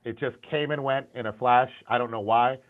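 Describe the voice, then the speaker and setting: Speaking at a normal speed with medium pitch and fairly even intonation, a middle-aged concept art and animation director chats openly in a casual interview. Raised in the US but of Syrian origin, he frequently restarts and repeats words, and the call audio comes across tinny, like a phone line.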